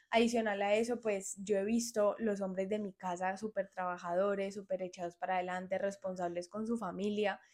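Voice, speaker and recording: A woman's voice: medium pitch, a little mellow. A woman in her twenties hosting a solo podcast, talking frankly and earnestly as she gives listeners advice. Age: 20s. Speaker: podcast host.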